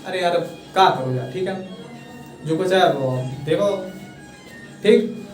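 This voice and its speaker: Man, Hindi accent, patient classroom teacher, often checks that students follow, high pitch, roomy echo. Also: a little slow, over music. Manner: repeats "thik hai" often, coaxing and encouraging. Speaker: English teacher. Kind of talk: casual classroom explanation. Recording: echoey room, voice from far off.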